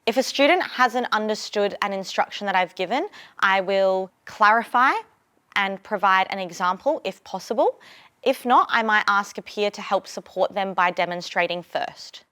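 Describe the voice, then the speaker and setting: A woman teacher explaining and giving patient, clear classroom instructions. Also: mid-range voice, moderate pace, fairly bright tone. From Australia. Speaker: primary school teacher.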